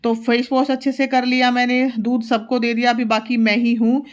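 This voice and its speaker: A woman's voice: fairly high pitch, flat delivery, normal speed. A woman in her thirties, a mother, chatting casually through a home vlog and explaining each step. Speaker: vlogger, mother.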